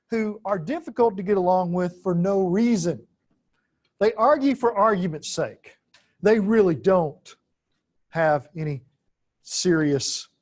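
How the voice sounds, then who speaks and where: A man lecturing on philosophy in an unscripted way, deliberate and halting, with frequent "uh" fillers and key phrases repeated for emphasis. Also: high voice, a little mellow.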